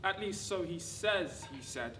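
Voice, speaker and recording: Slow, deliberate woman reading, distant and echoey. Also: on the low side, animated, a bit bright. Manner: measured, dramatic delivery with deliberate pauses. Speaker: actor reading a monologue. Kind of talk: rehearsed dramatic reading of wartime letters. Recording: distant, echoey room with background noise.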